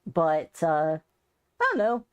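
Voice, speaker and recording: A woman's voice: sits low, animated, slow, smooth, dull audio. A woman chatting casually on a live stream about voice training, playful and self-amused, her throat dry and strained.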